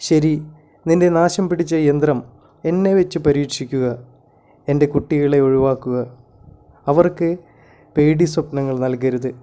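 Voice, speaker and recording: A tired young mother, worried and a little sharp, speaking slowly in a clear, smooth, mellow voice, as a male narrator reads her lines. Her lines come at an unhurried storybook pace. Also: on the high side, close to an everyday voice. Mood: resigned. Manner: measured bilingual reading of her lines.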